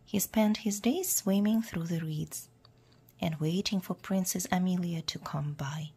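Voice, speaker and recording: A woman reading a fairy tale aloud in a hushed, half-whispered voice. Her tone is low, gravelly and very breathy, and she takes her time. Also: measured pace. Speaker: storyteller for English learners. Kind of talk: storybook read-aloud.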